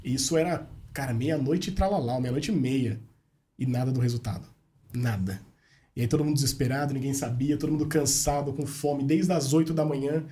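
A man's voice: medium pitch, a little fast. A man, a journalist chatting casually as a podcast guest and telling stories, acting out the dialogue he quotes. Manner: animated storyteller, acts out quoted dialogue.

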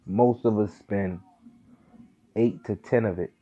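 Man, motivational monologue, earnest and preachy, street slang, husky low voice, dull lo-fi sound. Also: steady tone, slow pace. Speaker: host of a motivational talk. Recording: dull lo-fi recording with faint music.

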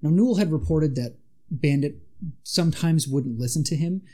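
Telling a monster legend casually with dramatic asides, a man co-hosts a podcast in a storytelling chat. His voice is warm and on the high side, at normal speed.

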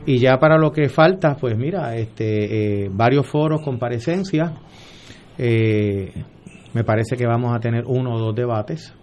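A man with a Puerto Rican accent answering interview questions as a candidate, halting and full of fillers. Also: medium pitch, a little mellow, slight background noise. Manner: hesitant, with many fillers. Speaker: political candidate guest.

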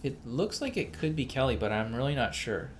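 A man's voice: medium pitch, sing-song, brisk, slight background noise. A man co-hosting a casual podcast about a film, rambling with many fillers and restarts. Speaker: podcast co-host.

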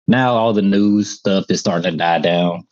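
A man's voice: deep voice, normal speed, a little mellow. A man co-hosting a wrestling podcast in laid-back casual chat, wry and often laughing. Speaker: podcast co-host. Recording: slightly dull lo-fi mic.

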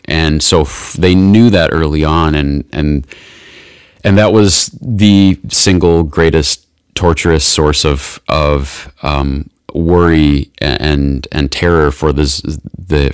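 Deep-voiced man telling history. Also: clear, resonant tone, no echo, clean studio sound. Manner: explanatory storytelling with restarts. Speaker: podcast host. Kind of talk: casual podcast chat.

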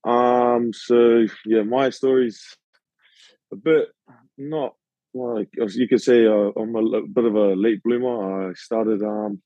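A rugby league player in his twenties with a New Zealand accent guests on a casual podcast, answering modestly and hesitantly with plenty of fillers. His mid-range voice is slow and fairly even, and the recording is muffled, with no room sound.

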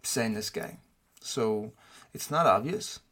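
A man's voice: on the low side, animated, slow pace, fairly bright tone. A man speaking with braces on his teeth, giving opinionated football punditry as a guest in casual discussion, repeating words for emphasis.

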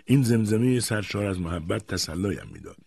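A man narrating an audiobook in an expressive storytelling manner. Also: fairly low pitch, gravelly, slightly rough. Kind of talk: scripted narration.

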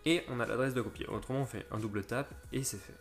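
A man's voice: mid-range voice, fast, soft background music. A man hosting a casual step-by-step tutorial, talking viewers through an app with frequent restarts. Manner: step-by-step, fillers and restarts, addresses viewers directly. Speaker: crypto tutorial host.

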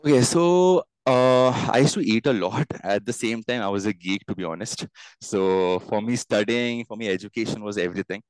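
Male fitness coach as interview guest, Indian accent, lowish pitch, conversational and emphatic, dry recording. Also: normal speed, a little mellow, clear, resonant tone, no room sound, rough recording. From India, grew up in Bangalore and Bombay. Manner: earnest, emphatic, repeats phrases for stress.

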